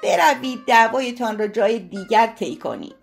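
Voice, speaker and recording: A woman's voice: a little high, lively intonation, gravelly, soft background music. A woman voicing a sly male servant who answers glibly and mockingly. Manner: glib, mocking, feigning innocence. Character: sly, cool-headed male household servant.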